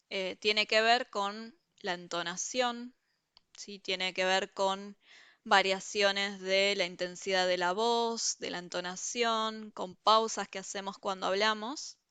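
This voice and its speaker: A woman leads a university review class by video call, her mid-range voice bright, clear and resonant with a forceful tone. She explains things step by step and keeps checking that her students are following, often asking "¿sí?" The recording is dry.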